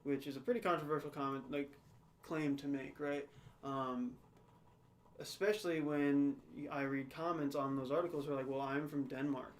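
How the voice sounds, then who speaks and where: A young man co-hosting a podcast talks things through in a casual discussion, thoughtful and hedging, often tossing in "right?" and "you know." His voice is a little high with fairly even intonation at normal speed, and there's a little hiss or hum.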